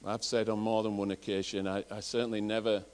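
A middle-aged pastor from England delivers a sermon in a Northern English accent, his voice on the low side, slightly mellow, brisk, and with little pitch movement. He earnestly recounts personal stories to the congregation, repeatedly circling back and restarting his words.

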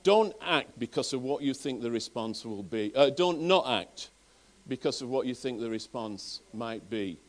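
A man's voice: mid-range voice, lively intonation, moderate pace, hardly any pauses. A man with a Northern English accent, preaching a sermon and telling personal stories in an earnest way, often restarting his phrases. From England. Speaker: pastor.

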